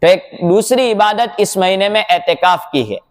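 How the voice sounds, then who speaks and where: A mufti delivering a sermon in a mosque, explaining points step by step with rhetorical questions and quoted sayings. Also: male voice, sits high, expressive, moderate pace.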